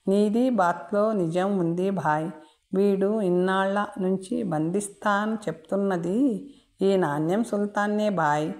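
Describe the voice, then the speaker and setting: A woman's voice: mid-range voice, measured pace, darkish tone, natural voice. A woman doing a scoffing male soldier. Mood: sure. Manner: peppers speech with Hindi words.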